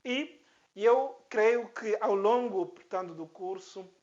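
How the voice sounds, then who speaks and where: Very slow, patient male language teacher. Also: high voice, darkish tone, highs cut off. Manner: patient, repeats sounds for the learner to copy. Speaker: Arabic teacher. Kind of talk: slow syllable-by-syllable language lesson.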